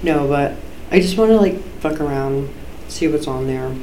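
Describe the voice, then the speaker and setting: A very echoey recording of a podcast host with a soft-edged, mellow, mid-pitched voice. The delivery is a casual, sweary monologue that often interrupts itself. A cheap mic picks up the reverberant room and some faint noise. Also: lively intonation, moderate pace. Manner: informal, sweary, self-interrupting. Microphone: low-quality microphone.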